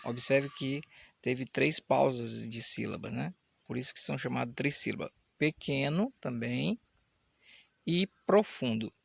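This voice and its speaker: A man teaching an online Portuguese grammar lesson, explaining step by step and slowing down to sound out syllables. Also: medium pitch, gravelly, fairly bright tone, husky. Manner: explanatory, slows down to spell out syllables. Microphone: camera mic, camera switched off.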